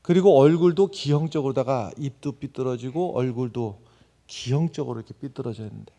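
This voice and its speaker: A male pastor preaching a sermon, telling a story with loud exclamations and quiet asides. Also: brisk. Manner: animated storytelling, swings between loud exclamations and low asides.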